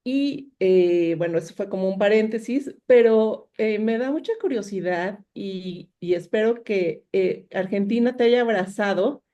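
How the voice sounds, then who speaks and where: A woman's voice: mid-range voice, unhurried, few pauses, dark tone, dull audio. A woman hosting a book club, asking a long question hesitantly, with many fillers, over a video call. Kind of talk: interview question.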